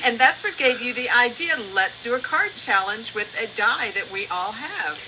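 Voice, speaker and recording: A woman's voice: a little high, expressive, normal speed, background noise. A woman from the US Gulf Coast talking casually about her crafts as a guest.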